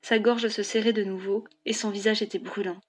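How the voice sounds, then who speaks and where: A woman narrating a novel as an audiobook in a clear, even storytelling delivery. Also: medium pitch, a little fast.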